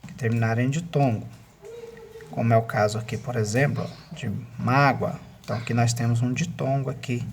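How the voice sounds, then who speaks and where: A male teacher works through a set of exercises, patient and repetitive, often stopping to check that his listeners follow. His voice is husky and sits at an ordinary middle pitch. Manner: patient, repetitive explaining with frequent checks like "né?" and "tá bom?". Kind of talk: classroom lesson, correcting exercises.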